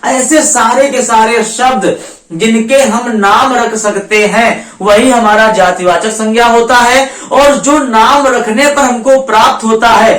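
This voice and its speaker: A man's voice: very high voice, fairly even intonation, measured pace, a bit bright, distant mic. Echoey male teacher explaining grammar. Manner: repetitive, asks and answers his own questions. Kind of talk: exam-prep grammar lesson. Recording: echoey room, voice away from the mic.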